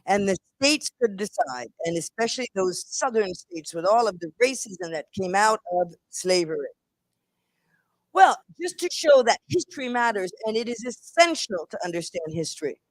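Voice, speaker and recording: A middle-aged woman professor giving an academic lecture, deliberate, repeating words and restarting phrases, asking the audience questions and answering them herself. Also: medium pitch, big pitch swings, no room sound, rough recording.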